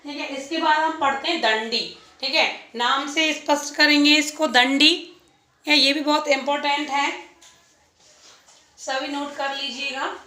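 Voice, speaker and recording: Echoey woman teacher, high and bright. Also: steady tone, measured pace. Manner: repeats points, asks and answers own questions. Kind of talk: exam-prep lecture. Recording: echoey room, distant mic.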